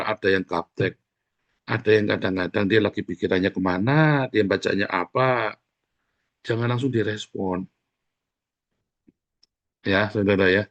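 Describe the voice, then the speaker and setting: Gravelly, husky-voiced man preaching a sermon. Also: lowish voice. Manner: conversational, scolding preaching with repeated "saudara" asides; acts out quoted speech in livelier voices. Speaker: pastor.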